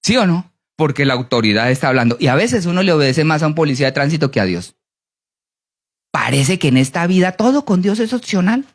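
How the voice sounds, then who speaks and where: A preacher giving a sermon, animated, often asking the congregation to answer yes or no. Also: fairly quick. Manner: animated, with big swings in pitch and pace.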